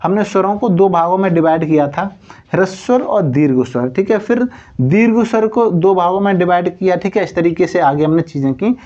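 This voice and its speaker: A man's voice: sits high, brisk, a little mellow, lo-fi sound. A man teaching Hindi grammar in an exam coaching lesson. He asks and answers his own questions, keeps saying "theek hai", and stretches words out to show how long the vowels are.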